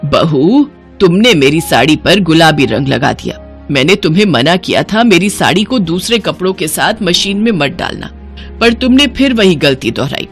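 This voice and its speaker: A woman's voice: on the low side, sing-song, normal speed, faint music behind. A woman voicing an older, strict mother-in-law in a cartoon, scolding and firm. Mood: stern. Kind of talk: cartoon voice acting.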